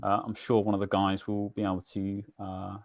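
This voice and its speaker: Low-voiced man hosting a live stream. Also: monotone, normal speed, a little mellow, no room sound. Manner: chatty, filler-heavy, greeting viewers by name. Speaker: webinar host. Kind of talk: casual live-stream chat.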